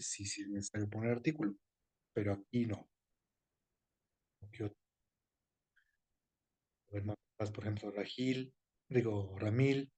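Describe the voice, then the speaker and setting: A man gives a patient explanatory lecture at a middling pitch. He repeats points and corrects himself as he goes, checking in with his listeners. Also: darkish tone, husky. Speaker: seminar lecturer on etymology. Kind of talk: explanatory online class.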